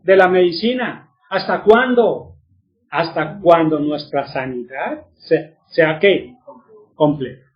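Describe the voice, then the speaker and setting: A man's voice: a little high, animated, slow pace, muffled recording. A man giving a religious teaching, who keeps asking his listeners questions and then answers them himself.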